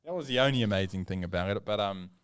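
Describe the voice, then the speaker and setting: Podcast co-host, male, low smooth voice, argues his case emphatically; dry close mic. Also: fast talker, no echo. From New Zealand. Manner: opinionated, emphatic, argues points with rising energy. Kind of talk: casual sports chat.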